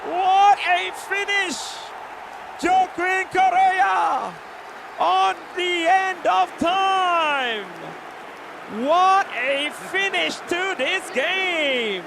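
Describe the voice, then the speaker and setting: A man commentating live on a football video game, shouting long drawn-out goal yells. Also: extremely high pitch, vocal fry. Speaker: esports match commentator. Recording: noisy venue with crowd.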